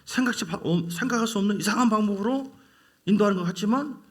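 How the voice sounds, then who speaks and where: A man preaching a sermon as pastor of a church, switching between quiet asides and loud exhortation and acting out quoted voices. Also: high-pitched, fast talker. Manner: acts out quoted voices and leads the congregation in call-outs. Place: church sanctuary.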